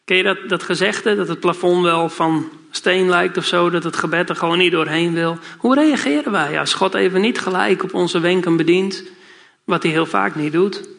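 A man's voice: sits high, normal speed, gravelly, fairly bright tone. A man preaching a sermon, reading scripture aloud and explaining it in plain, conversational talk, with questions to his listeners.

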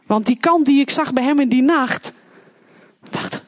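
A woman's voice: high-pitched, normal speed. A woman giving an earnest personal testimony in a church, telling her story in plain, heartfelt words. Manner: earnest, acts out quoted voices.

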